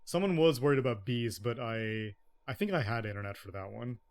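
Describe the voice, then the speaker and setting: A man's voice: medium pitch, animated, a little fast. Blunt man casually commentating a game. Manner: blunt, slangy, wry. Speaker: gamer commenting on his playthrough. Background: game music.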